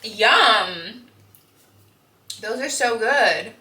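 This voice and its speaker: A woman's voice: fairly high pitch, expressive, very slow, pushed and bright, echoey room. A young woman, chatting casually to camera at home with lots of "like"s and "um"s, often giggling. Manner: chatty, giggly, rambling with many "like"s and "um"s. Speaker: vlogger. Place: home kitchen.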